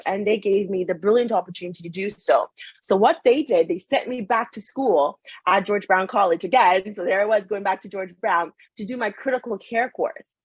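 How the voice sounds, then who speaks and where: A middle-aged woman from Saint Lucia, a nurse and hospital administrator, gives a friendly, conversational talk over a video call. Her voice is medium-pitched with a breathy edge, and there's no echo.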